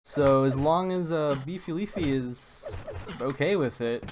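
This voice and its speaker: A man's voice: a little high, a little slow, noisy background. Rambling male esports caster. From North America. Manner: rambling with many fillers and restarts. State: has the hiccups. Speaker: tournament commentator. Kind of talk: live esports commentary.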